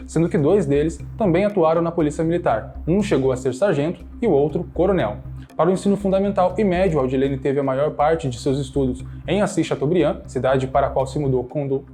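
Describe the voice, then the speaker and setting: A man narrating a scripted radio news profile in a brisk, read-out delivery. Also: fairly high pitch, dark tone.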